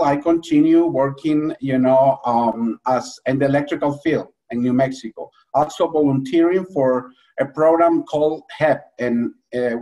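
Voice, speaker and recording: A man in his forties from Honduras, speaking English with a Honduran Spanish accent as an adult educator. He tells his story earnestly, halting often with restarts and fillers. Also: mid-range voice, mellow, distant mic, low-quality recording. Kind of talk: prepared personal talk at an online briefing. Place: small room at home. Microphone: video call webcam.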